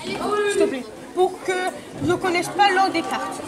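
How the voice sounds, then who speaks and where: Very high-pitched kids party magician, noisy hall. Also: a little slow. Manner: kids party magician, instructing and questioning volunteers. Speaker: magician performing card tricks. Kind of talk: live magic show patter to young spectators. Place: large indoor room at a school. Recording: large echoing hall with loud crowd noise.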